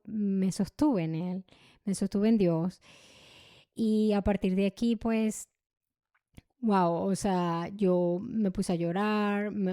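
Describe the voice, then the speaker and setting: A young adult woman hosting a podcast, telling a personal story in an emotional, halting way with many restarts and repeated words. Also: medium pitch, dark tone, no room sound, clean studio sound. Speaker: podcast host.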